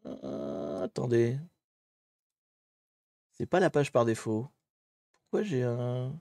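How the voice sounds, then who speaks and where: A man hosting a live stream in casual, chatty commentary. He thinks aloud, mocks himself in a relaxed way, and greets viewers in the chat. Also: medium pitch, slow, no room sound, studio quality. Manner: laid-back and self-mocking. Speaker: livestream host.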